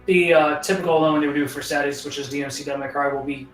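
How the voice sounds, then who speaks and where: A man's voice: on the high side, steady tone, fast, a bit bright, far from the mic. Emphatic man in an echoey room. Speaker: live stream co-host. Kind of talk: casual gaming chat. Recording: echoey room, off mic, faint music. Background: faint game music.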